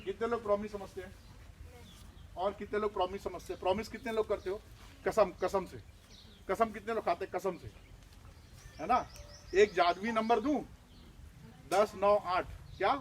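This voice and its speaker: A man teaching village children outdoors, lively and full of questions to them. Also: high-pitched, normal speed, long pauses, a little hiss or hum. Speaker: outreach trainer.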